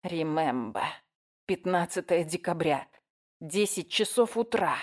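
A woman's voice: on the low side, lively intonation, unhurried, darkish tone. A woman reading an audiobook, voicing a frightened woman who whines and pleads for help. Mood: scared. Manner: whining, anxious, breathless.

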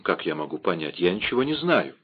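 A timid young convent novice, voiced by a male audiobook reader. She speaks in a theatrical manner, and the voice sits fairly low. The sound is muffled and lo-fi. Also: very animated, a little fast, breathy edge, heavily acted. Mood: anxious. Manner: theatrical audiobook dialogue reading. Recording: dull lo-fi recording.

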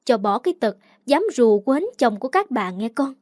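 A woman's voice: a little high, lively intonation, moderate pace, darkish tone, no room sound, studio quality, close to an everyday voice. A woman narrator voicing a fierce, bullying woman who talks in a threatening, coarse way in a story reading.

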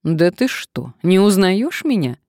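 A boisterous, overly familiar middle-aged man , played by a woman reading aloud, in an audiobook. His voice is loud, lively and hearty. The recording is dry and close. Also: low voice, slow, dry recording. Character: cheerful balding middle-aged male ex-classmate.

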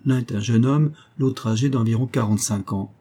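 A man reading the part of a weathered older boatman and former convict, low-voiced, humble and eager to serve. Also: brisk, warm tone, close to an everyday voice. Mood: earnest.

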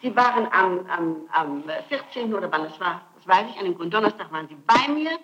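Questioned as a suspect, a middle-aged woman pushes back insistently, driving the same points home repeatedly. Her mid-range voice is expressive and a bit quick, captured on a noisy archival tape whose high frequencies are missing.

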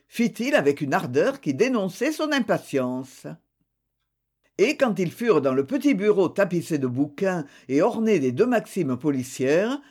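A narrator reading a novel aloud at an unhurried pace, with plenty of lively movement in the pitch. The delivery is measured and literary. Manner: measured, expressive storytelling. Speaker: audiobook narrator.

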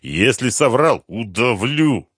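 A man doing a gruff, threatening police inspector. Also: mid-range voice, big pitch swings, normal speed, no echo, studio quality, voice pushed up. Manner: harsh, threatening, shouting.

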